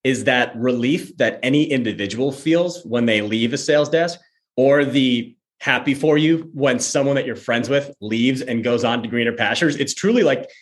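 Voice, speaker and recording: A man's voice: medium pitch, moderate pace. A man co-hosting a casual chat, reflective and given to long explanations.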